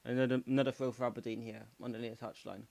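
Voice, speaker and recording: A man giving casual live play-by-play as a fan streamer, slightly croaky, cheering his side and scolding chat. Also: medium pitch, little pitch movement, fast talker, darkish tone. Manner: partisan, addresses chat as "mate" and "pal", urges his team on. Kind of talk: casual live match commentary.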